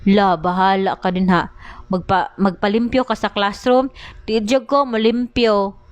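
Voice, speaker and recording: A woman's voice: medium pitch, steady tone, unhurried, no room sound. A young woman with a Cebuano accent, chatting casually as a mother vlogging, complaining and mimicking others. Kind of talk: casual vlog chat.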